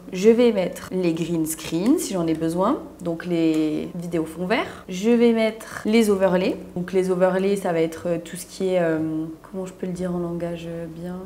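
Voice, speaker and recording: A young woman walks viewers through video editing in a loose, slangy, self-mocking chat. Her voice is warm and mellow, with a faint hum of room noise behind her. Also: lowish voice. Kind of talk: casual tutorial.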